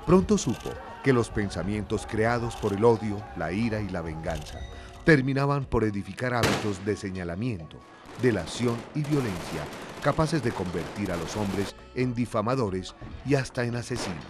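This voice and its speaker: Male documentary narrator, lofty measured read, loud music bed. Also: fairly low pitch, animated. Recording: voice-over with loud music behind.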